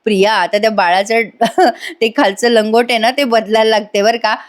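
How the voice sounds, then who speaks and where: A woman's voice: fairly high pitch, steady tone, moderate pace. A woman narrating a voice-over recap of a TV serial in a chatty, giggly storytelling way. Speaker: episode review narrator.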